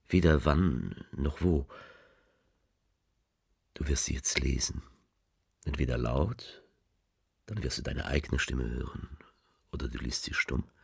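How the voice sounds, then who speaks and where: A man voicing a letter writer who speaks tenderly to a loved one, reading slowly and softly in a radio play, often sinking into a near whisper. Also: dry recording, clean studio sound, full character voice. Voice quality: very deep, gravelly, husky. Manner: slow, hushed, often half-whispered.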